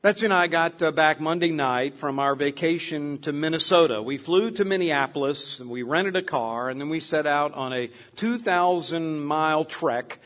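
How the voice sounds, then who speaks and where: An older pastor delivers a sermon in a loose, conversational style, wandering into stories as he goes. His voice is a touch higher than most men's. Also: normal speed, hardly any pauses, a bit bright. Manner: rambling, with many fillers and restarts; storytelling, conversational.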